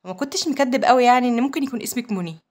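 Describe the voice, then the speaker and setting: A woman with an Egyptian accent voicing a brash, teasing young orphan man in a recap of a comic story, talking fast and mocking. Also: on the high side, close to an everyday voice. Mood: defensive. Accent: Egyptian Arabic.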